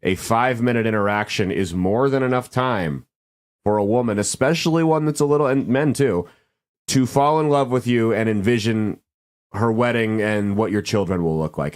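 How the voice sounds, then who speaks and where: Sarcastic man riffing on letters. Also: mid-range voice. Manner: sarcastic, joking asides. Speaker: podcast host reading advice letters. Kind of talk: casual comedic commentary.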